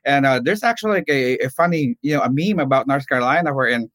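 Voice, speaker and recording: A middle-aged man from the Philippines, a nurse and professor, talking as a guest in a casual interview with many pauses and restarts. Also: mid-range voice, a bit bright, dry recording. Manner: hesitant, many fillers and restarts.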